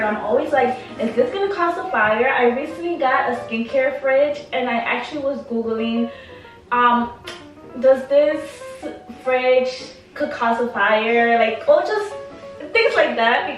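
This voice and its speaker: High-voiced chatty young woman, echoey room. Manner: chatty and self-mocking, with frequent laughs. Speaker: vlogger. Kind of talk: casual chat. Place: apartment living room. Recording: echoey room, mic far off.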